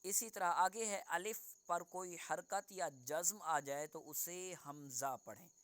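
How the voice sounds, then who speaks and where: A man teaching Quran reading in an online lesson, patiently explaining and then slowly modelling each sound for the student to repeat. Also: fairly high pitch, a bit bright, no room sound.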